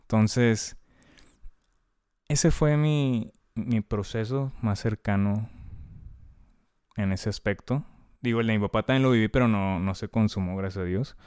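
A man with a Mexican Spanish accent, speaking in a candid, slangy conversational way. His voice is smooth and resonant. The recording is dry and close, with little room sound. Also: lowish voice, a little slow, long pauses, a little mellow, dry recording. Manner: candid and heavily slangy, lots of filler words. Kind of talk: casual conversation.

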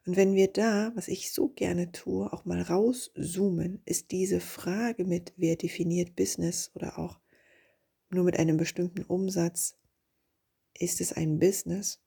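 A woman hosting a reflective spiritual podcast, speaking slowly and softly and dropping into whispers on her key questions. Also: on the low side, fairly even intonation. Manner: slow, soft and breathy, drifting into whispers on key questions. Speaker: podcast host and coach.

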